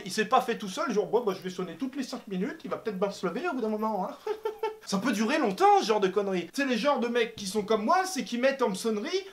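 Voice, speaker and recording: A young man doing a comic rant to camera, animated and exaggerated, swearing and laughing often. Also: very high-pitched. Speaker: comedy vlogger. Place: apartment.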